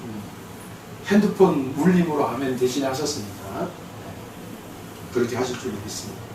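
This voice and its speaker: A man preaching a sermon, moving between loud, drawn-out calls and soft asides to the congregation. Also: medium pitch, expressive, over music. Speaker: pastor. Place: church sanctuary. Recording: very echoey, distant church recording.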